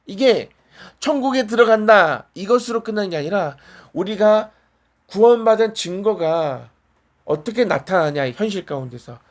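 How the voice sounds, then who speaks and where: A man's voice: high voice, animated, moderate pace. A man preaching a sermon in a small church, conversational and asking the congregation questions and answering back.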